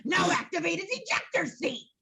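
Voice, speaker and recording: A woman's voice: extremely high pitch, sing-song, normal speed, gravelly, pushed and bright, heavily acted. A woman playing a brash, sardonic space-witch mother in a sci-fi comedy spoof. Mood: bossy.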